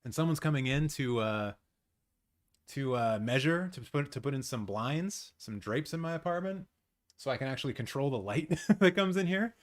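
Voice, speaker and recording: Man, from canada, live-stream host, excitable, rambling casual chat, mid pitch. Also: normal speed. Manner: chatty, excitable, rambling with fillers and restarts. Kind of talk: casual live watch-along chat, reading viewer comments. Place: his apartment in daylight.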